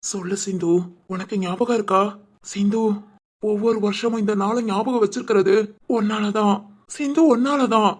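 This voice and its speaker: A woman voicing a grown man who tenderly recalls a childhood friend in an audio drama, speaking slowly and wistfully. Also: medium pitch, darkish tone, husky, pitched below the performer's own voice, natural voice. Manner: slow, tender, wistful calling of a name.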